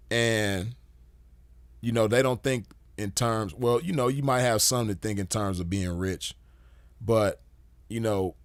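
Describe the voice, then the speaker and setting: In a dry recording, a man whose voice falls on the low side hosts a podcast, rambling through a relaxed commentary packed with "you know."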